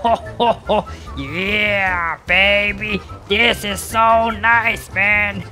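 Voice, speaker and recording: A man's voice: high-pitched, fairly even intonation, drawn-out words, pushed and bright, soft background music, full character voice. A man voicing a boastful, reckless middle-aged man who brags, whoops and yelps in a cartoonish game video. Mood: gleeful. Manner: bragging, whooping, yelping.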